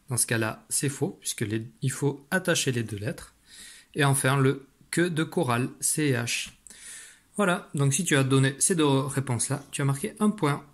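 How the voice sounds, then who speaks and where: A man teaching young children in a recorded video lesson, giving patient step-by-step instructions as he writes on a slate. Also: medium pitch.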